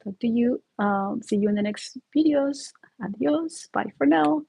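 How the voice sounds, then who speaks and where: This woman's fairly high voice is gravelly and mellow with a breathy edge, and she takes her time. She hosts her own YouTube channel from Mexico, speaking with a Mexican Spanish accent in a casual livestream monologue; despite the flu and a sore throat, she stays earnest and heartfelt, laughing often partway through sentences.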